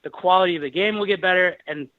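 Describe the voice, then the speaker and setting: A man in his thirties with a high voice talks fast as a caller to a radio show. He speaks earnestly but keeps restarting and filling gaps. The audio is dull phone-line sound with no room sound.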